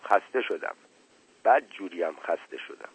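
Male reader as a tired village musician, weary and plain-spoken, husky, low. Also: animated, heavily acted. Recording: tinny phone-like dry recording.

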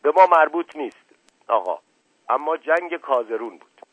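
A man's voice: a little high, animated, breathy edge, pitched above the performer's own voice. A man putting on an old servant, meek yet stubborn. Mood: insistent. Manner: humble, timid, yet insistent. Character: older male servant, deferential but stubborn. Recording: dry, narrow phone-like sound.

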